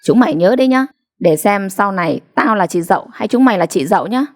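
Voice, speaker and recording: Storybook voice: hot-tempered young wife, snappy comebacks, pitched up high done by a woman reader. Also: a little fast, natural voice. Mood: angry. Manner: sharp, indignant retorts. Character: young wife, fiery, sulky and quick-tempered.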